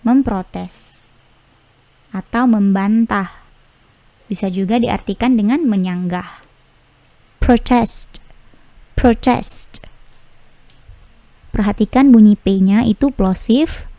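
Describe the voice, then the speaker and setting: A woman gives an English vocabulary lesson at a very slow, careful pace. She repeats each word deliberately. Her voice is soft and mellow, recorded close in a dry room. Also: medium pitch, dry recording. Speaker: English teacher.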